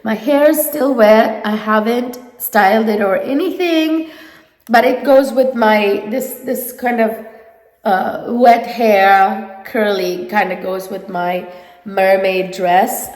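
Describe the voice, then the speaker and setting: Woman, stuffy nasal head cold, gravelly, gushing makeup vlogger, echoey room. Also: mid-range voice, darkish tone. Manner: gushing, enthusiastic. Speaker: beauty vlogger. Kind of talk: casual makeup review.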